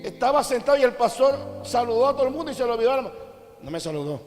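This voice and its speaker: Male Colombian coastal preacher, high-pitched, storytelling sermon with shouted peaks; long hall reverb. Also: very animated, fast talker. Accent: Colombian Caribbean coast. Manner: storytelling, acting out quotes, rising to shouts. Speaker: apostle preaching. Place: large church cathedral. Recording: long church reverb with faint music.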